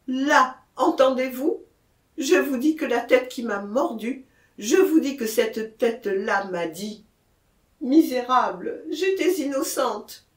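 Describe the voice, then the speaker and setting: Woman playing a terrified pleading murderer, frantic, lively high voice, echoey room. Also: far from the mic, heavily acted. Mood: insistent. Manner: frantic, pleading, rising to cries. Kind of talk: audiobook character reading.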